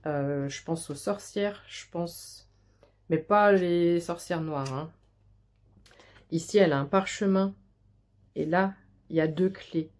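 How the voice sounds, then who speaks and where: Slowly and with long pauses, a woman with a lowish, darkish voice gives the listener a tarot reading. She sounds intimate and reassuring, though she frequently stumbles and repeats herself.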